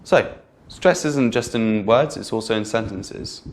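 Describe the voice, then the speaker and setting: A man teaching an online English pronunciation lesson, patiently repeating example words and slowing down to show which words carry stress. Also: fairly low pitch, slight background noise.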